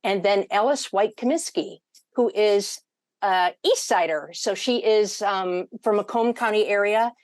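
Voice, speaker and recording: Woman moderator, medium pitch, chatty and rambling, informal online panel hosting, dry sound. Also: measured pace, a little mellow, no echo. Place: online video meeting.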